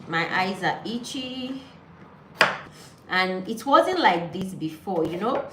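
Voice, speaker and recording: Slow-talking woman in an echoey kitchen. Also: mid-range voice, expressive. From Nigeria. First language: Yoruba. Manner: chatty, easygoing, thinking aloud. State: pollen allergy, sneezing. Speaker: vlogger. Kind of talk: casual cooking vlog chat with live viewers. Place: home kitchen. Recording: echoey kitchen with loud background noise.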